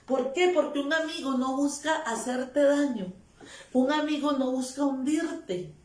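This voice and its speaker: A woman's voice: high voice, unhurried, a little mellow. A woman preaching a sermon, emphatic and repetitive, often stopping for amen. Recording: echoey room, voice from a distance.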